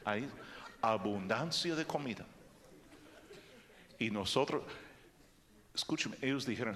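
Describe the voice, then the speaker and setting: An older man preaching a sermon as pastor, animated and joking with the congregation. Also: medium pitch, long reverb tail.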